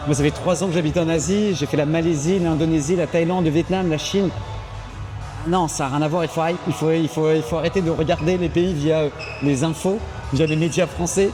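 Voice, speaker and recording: A man's voice: on the high side, fairly even intonation, brisk, music in the background. A young French man, an expat coach, chatting casually and emphatically with many restarts. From France. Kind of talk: casual chat and home tour.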